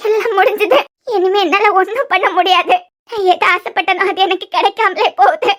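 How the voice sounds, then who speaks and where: A woman's voice: a little fast, a bit bright. A woman voicing a heartbroken, scheming young woman in a cartoon serial. She speaks with a Kanyakumari Tamil accent and sounds tearful and self-pitying. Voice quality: very high-pitched.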